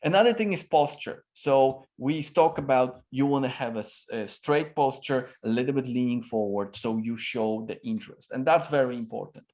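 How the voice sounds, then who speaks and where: A communication expert fields interview questions in a medium, slightly mellow voice at normal speed with few pauses. His delivery is forceful and full of tonal variety, and he drops in fillers frequently.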